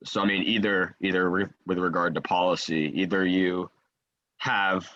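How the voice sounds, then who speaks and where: A young man from the United States, a guest on a video call interview, speaking haltingly and repeating words as he thinks. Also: deep voice, flat delivery, a bit bright, dry recording. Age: teens to young adult. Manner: halting, repeats words before finishing thoughts. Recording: dry dull lo-fi call audio.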